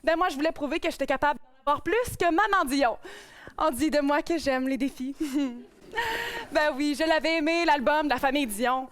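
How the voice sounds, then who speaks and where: A young woman with a Québécois French accent opens a live cabaret show with a stand-up monologue. Her voice sits high, and her delivery is playful and self-mocking as she addresses the audience from the stage. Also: normal speed. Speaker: host.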